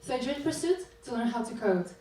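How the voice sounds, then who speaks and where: A woman from Russia giving a measured, earnest scripted presentation as a developer. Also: high voice, animated, mellow. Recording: echoey hall mic from a distance, faint hum.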